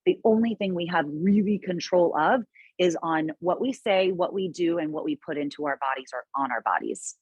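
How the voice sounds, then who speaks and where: Husky woman sharing earnestly. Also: on the low side, moderate pace, darkish tone, dry recording, muffled recording. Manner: earnest, emphatic, reflective with frequent restarts. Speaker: interview guest. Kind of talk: casual conversational interview.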